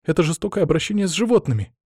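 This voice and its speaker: A man reading an audiobook, voicing an impatient, nagging schoolgirl who is quick to snap. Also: a little high, lively intonation, warm tone, no echo, clean studio sound. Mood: outraged.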